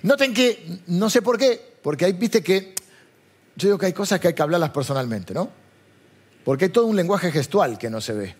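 A man's voice: high-pitched, lively intonation, moderate pace, slightly rough. A man with a Rioplatense Spanish accent preaching a chatty, digressive sermon and often asking his listeners questions. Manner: chatty, digressive, asks the audience. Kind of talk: conversational sermon.

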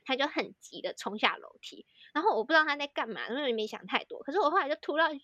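A young Taiwanese woman tells a long story in rapid, chatty Mandarin, her Taiwanese accent plain and her sentences stitched together with fillers. Her voice sits a little high, and the recording is close and dry with no room sound. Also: bright, forceful tone, no echo, muffled recording. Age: young adult. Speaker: podcast co-host, student in Korea. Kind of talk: casual storytelling chat.

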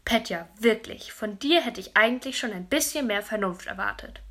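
A woman giving voice to a strict father in a children's audiobook, firm and unhurried. He lays down the rules plainly, in a tone close to the reader's own voice. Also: mid-range voice, expressive, a bit bright. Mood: reproachful. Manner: firm, measured scolding.

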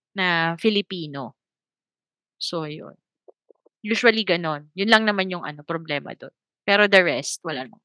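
Bright-voiced woman explaining casually. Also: medium pitch, smooth, dry recording. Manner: explanatory, quick to laugh. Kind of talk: casual chat.

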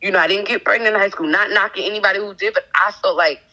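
Speaking with a sharp tone, medium pitch and fairly even intonation, a thirty-something woman offers frank personal testimony as a podcast guest. She stumbles along with frequent fillers and restarts, and the audio is poor.

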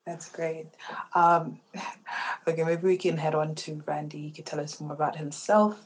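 A woman's voice: low voice, fairly even intonation, normal speed, breathy edge. A woman hosting a podcast casually, introducing and prompting guests. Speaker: podcast host.

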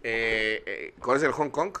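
A man's voice: medium pitch, unhurried, heavy background noise. Jokey Mexican man guest. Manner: jokey, gossipy, chuckling. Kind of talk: casual chat.

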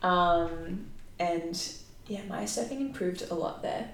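A woman's voice: on the low side, slow pace, vocal fry, a little hiss or hum. Casual female podcast guest, broad Queensland Australian, informal and slangy, roomy echo. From France and Australia. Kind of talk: casual chat. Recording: roomy, echoing sound.

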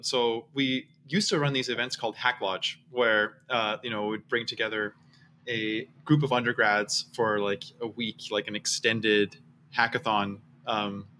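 A man's voice: on the low side, sharp tone, a little hiss or hum. A man in his thirties, from Austria and raised in the US, talking as a guest on a casual podcast interview, rambling with many restarts. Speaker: guest, startup founder.

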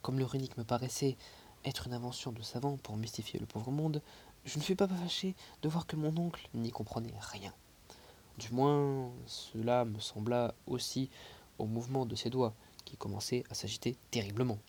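A man reading a classic novel aloud, expressive, dropping into soft whispered passages and adding small asides. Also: medium pitch, moderate pace, a little hiss or hum. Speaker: audiobook reader.

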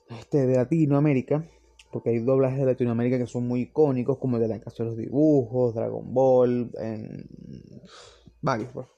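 Mellow young man. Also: medium pitch. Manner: rambling, opinionated, with frequent restarts. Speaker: series reviewer. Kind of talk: casual chat.

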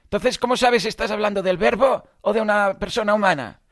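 A man's voice: high voice, a little fast, fairly bright tone, dry recording, studio quality. A man playing a pushy, boastful annoying client who adds a silly ending to his words. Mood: mock puzzled. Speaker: podcast co-host.

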